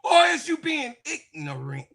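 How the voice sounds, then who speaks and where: A man co-hosting a sports talk show, ranting in heated commentary, fiery and profane, repeating his phrases and often shouting. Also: very high voice, wildly swooping pitch, unhurried, gravelly.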